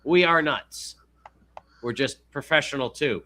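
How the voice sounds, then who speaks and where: Male stream host, somewhat high, bright voice, jokey and rambling. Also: a little slow. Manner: jokey, laughs often, rambling restarts. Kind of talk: casual stream chat, reading an article aloud.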